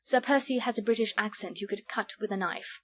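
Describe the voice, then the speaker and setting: A woman's voice: medium pitch, fairly quick, breathy edge, close to an everyday voice. Woman acting a merry, teasing society lady. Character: merry, teasing young English lady of fashion. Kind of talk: storybook character voice.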